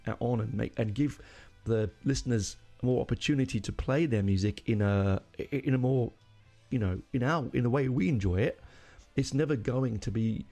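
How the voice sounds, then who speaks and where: In a casual solo podcast, a middle-aged man talks in a mid-range, gravelly voice with a dark tone. He rambles, voices strong opinions, and often stops to correct himself mid-sentence.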